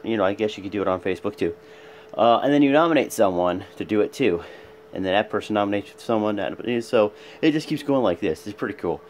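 A man in his thirties hosting a casual vlog, chatting to his phone at arm's length in a small room. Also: fairly low pitch. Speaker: vlog host. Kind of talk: casual chat to camera. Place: small bedroom at home. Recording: noisy phone recording in a room.

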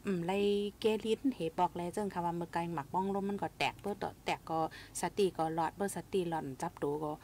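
A woman hosting a casual radio talk show, giving reflective and gentle advice. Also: lowish voice, fast, hardly any pauses, slight background noise. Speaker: radio host.

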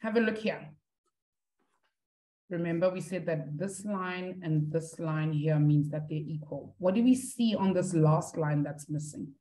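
Casting: woman as an online maths teacher, warm low voice, encouraging. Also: a little slow. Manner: encouraging, talks to students through the chat. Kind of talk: live online maths lesson.

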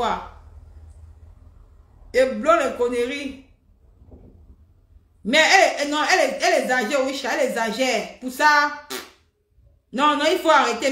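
Woman, high voice, heated live-stream rant, mocking and repetitive, roomy echoey sound. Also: a bit bright. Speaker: livestream host.

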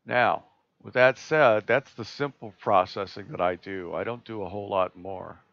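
A man presenting a live screen-share tutorial on a video call, talking in a relaxed, halting way with many fillers and restarts. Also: fairly low pitch, gravelly, no room sound. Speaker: astronomy club presenter. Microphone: computer mic on a video call. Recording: dull lo-fi video call audio.

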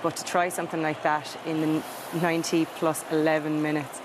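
A young woman giving football match analysis as a pundit, even and matter-of-fact, on a lapel mic in a TV studio. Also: sits low, a little fast. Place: large TV studio set. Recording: TV studio with background noise.

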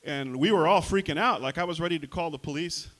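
A man's voice: fairly high pitch, moderate pace, fairly bright tone. A man pastor preaching a bilingual sermon in church, saying each point in Spanish and then again in English, acting out the quotes.

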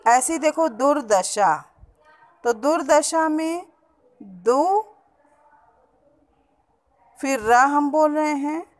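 Schoolteacher, woman, Allahabad-area Hindi accent, unhurried and fairly high, corrects spellings word by word. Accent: Hindi as spoken around Allahabad. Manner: explains step by step, repeats words slowly to correct them. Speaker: school teacher. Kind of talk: classroom lesson on pronunciation.

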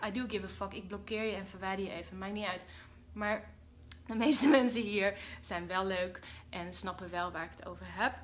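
Mixing English phrases into her Dutch, a livestream host leads a relaxed spiritual broadcast, shifting from soft whispers to loud outbursts. Her voice is medium-pitched and expressive, with slight background hiss or hum.

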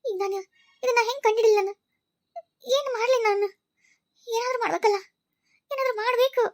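A tearful, pleading young wife in a cartoon story, as a woman acts her out, her voice very high and thin. She speaks with a North Karnataka Kannada accent and sounds heartbroken and fierce in turn. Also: brisk. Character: young wife, grieving and vowing revenge. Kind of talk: cartoon voice acting.

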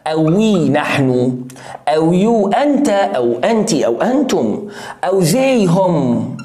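A man with an Egyptian Arabic accent teaching English to young pupils in a lively, playful way, repeating drill words slowly. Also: fairly high pitch, slight background noise. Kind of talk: online lesson for young pupils. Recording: roomy echo.

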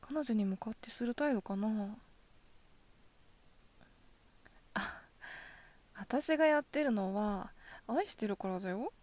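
Woman doing a yandere girlfriend in ASMR role-play, soft n slow, kinda high, sugary but possessive and threatening. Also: lightly acted. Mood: possessive, menacing. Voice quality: soft, often dropping in a soft voice. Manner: yandere: sugary coaxing turning quietly threatening. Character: possessive yandere girlfriend, sweet-voiced, coldly menacing.

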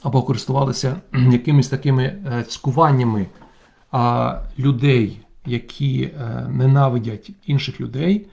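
Gravelly, mellow-voiced bishop teaching. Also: male voice, mid-range voice, steady tone, lo-fi sound. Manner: deliberate, reads Greek words aloud and explains them, pausing often with "eh". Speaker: bishop teaching Bible study. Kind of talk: remote Bible lesson with Greek word study.

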